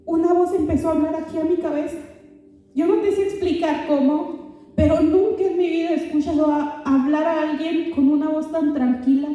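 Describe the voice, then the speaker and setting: Young woman, high voice, giving an earnest testimony to youth, recorded far off in a booming hall. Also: warm tone. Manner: earnest, addresses listeners directly, often halting and repeating words. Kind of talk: emotional spoken testimony to a youth group.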